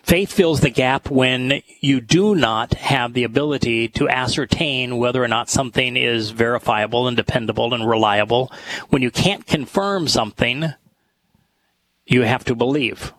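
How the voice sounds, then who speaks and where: A man hosting a talk show with scripture study, speaking in a halting, thoughtful way with many pauses. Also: medium pitch, fairly bright tone, dry recording, poor audio. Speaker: host.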